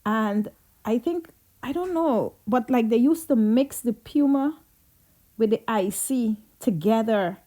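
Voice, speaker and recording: A Guyanese vlogger tells childhood stories in a chatty, reminiscing way, slipping into Creole as she goes. Her voice is a little high, warm and slow, with lively intonation.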